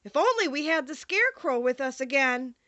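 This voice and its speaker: A woman's voice: high voice, expressive, fairly quick, sharp tone, no room sound, dull audio, pitched above the performer's own voice. A woman voicing a kindly, sentimental tin man from a storybook, earnest in manner. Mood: wistful.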